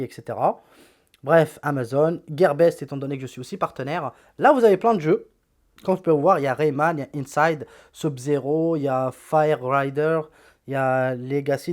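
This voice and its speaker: A man's voice: on the high side, a little mellow. A tech YouTuber walking through the apps on his phone in a chatty, blunt, slangy way, often repeating words. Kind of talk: casual phone app walkthrough.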